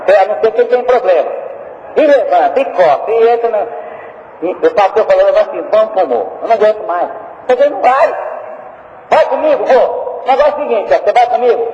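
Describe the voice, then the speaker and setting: A man preaching a revival sermon, animated, acting out prayers and dialogue, sometimes shouting. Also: high-pitched, fast. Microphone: far from the mic. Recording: dull echoey hall recording from far off.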